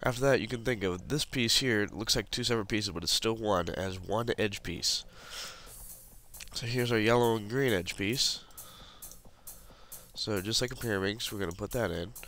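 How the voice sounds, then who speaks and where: A man with a voice on the low side and a fairly bright tone speaks at a moderate pace. Sick with the flu, he's congested and sniffling as he casually narrates a puzzle tutorial over a screen recording, walking through the steps while clicking.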